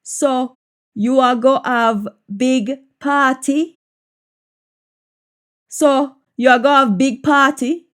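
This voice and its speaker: Female language teacher, Jamaican Patois, slightly high voice, very unhurried, repeats example sentences deliberately. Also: steady tone, a bit bright. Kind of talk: Jamaican Patois lesson, practice sentences said in English then repeated in Patois.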